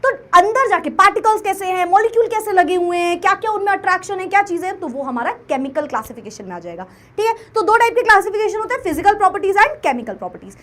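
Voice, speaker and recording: A young woman teacher with a very high voice runs an online class. She teases her students playfully and keeps mixing English into her Hindi explanations. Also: expressive, quick pace, hardly any pauses, a bit bright.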